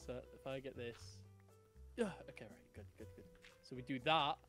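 A man casually chatting while playing a game, thinking aloud and bursting into excited shouts. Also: medium pitch, moderate pace. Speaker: gaming channel host. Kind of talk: casual gameplay chat. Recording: light background music.

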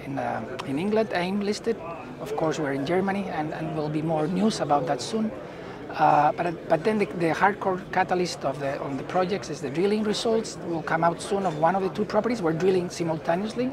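A middle-aged Chilean executive with a Chilean Spanish accent and a slightly high voice answers unscripted business interview questions in halting phrases. He's at an indoor trade conference booth, recorded on a lapel mic, with busy event hall chatter behind him.

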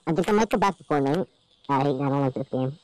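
A woman's voice: sits low, expressive, fast talker, warm tone, poor audio. A woman chatting casually while playing a video game, whining and complaining. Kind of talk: casual chat while gaming.

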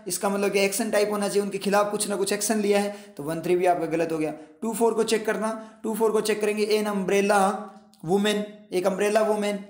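In a bare, echoing room, a man with a high voice teaches an English exam class, blending Hindi and English. He takes the options one at a time and repeatedly asks his students rhetorical questions.

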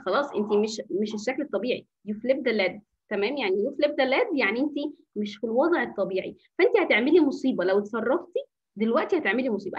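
Woman, Egyptian Arabic accent, teacher, anger-management workshop, rapid speech, husky, coaching with rhetorical questions, dull lo-fi online audio. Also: on the high side. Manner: coaching, asks rhetorical questions and answers them; mixes in English phrases. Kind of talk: informal online workshop talk.

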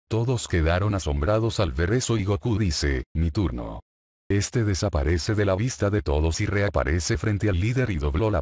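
A man narrating a fan story aloud in a steady reading voice. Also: deep voice, no echo.

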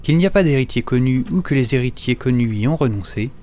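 With a warm, animated mid-range voice at a quick pace, the actor plays the eager, timid notary's clerk, narrating wryly and with measure in first person and faltering, stammering whenever he speaks in scenes. The natural-sounding recording of the French audio drama carries slight hiss or hum.

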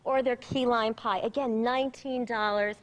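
Woman, 30s, TV food reporter; enthusiastic, slightly high-pitched, studio lapel mic. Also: fairly even intonation, normal speed. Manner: bubbly, enthusiastic food descriptions. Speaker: restaurant deals reporter. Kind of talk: TV morning show segment. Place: TV studio set.

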